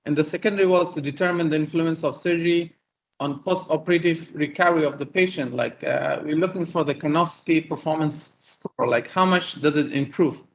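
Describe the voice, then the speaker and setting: Over a video call with poor audio, an Afghan-born neurosurgeon and professor gives a conference talk. His voice is fairly high, and he speaks haltingly, with many fillers and repeated words.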